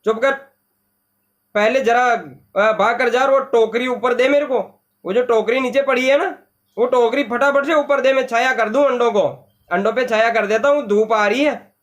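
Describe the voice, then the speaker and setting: A man's voice: extremely high pitch, fairly even intonation, moderate pace, a bit bright. A man voicing an older boy who bosses and scolds his little sister. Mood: bossy. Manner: scolding, bossy.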